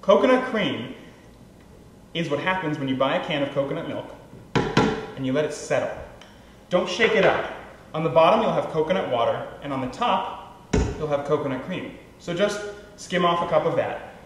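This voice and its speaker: A man's voice: fairly high pitch, expressive, moderate pace. Upbeat young male cooking host, talks straight to camera; echoey room with noise behind. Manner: chatty, playful and upbeat, addressing viewers directly. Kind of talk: scripted cooking demonstration. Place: kitchen.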